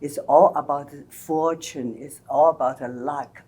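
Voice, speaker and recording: An older woman with a very low, mellow voice speaks slowly as a guest. She explains traditions carefully, in a storytelling way. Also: steady tone, breathy edge. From China and Taiwan. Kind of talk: conversational interview.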